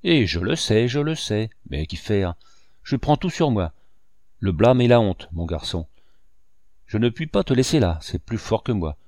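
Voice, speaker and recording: A grave old ship's doctor, earnest and gently reproachful, as a male reader voices him. The tone sits fairly low and the sound is close and dry, with no room around it. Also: big pitch swings, a little slow, dry recording. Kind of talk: audiobook dialogue reading.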